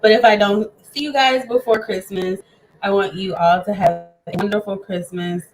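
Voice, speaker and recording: A woman's voice: mid-range voice, steady tone, moderate pace, music in the background, poor audio. A woman hosting a casual home cooking show, chatting eagerly with her viewers as friends while she eats with her mouth full. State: eating, talking with mouth full.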